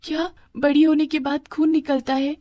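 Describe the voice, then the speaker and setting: Brief: a young poor schoolgirl, voiced by a woman, soft, high and pleading, close dry storybook read. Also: level tone, normal speed, no echo, lo-fi sound, close to an everyday voice. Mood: earnest. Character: poor timid schoolgirl, gentle and hurt.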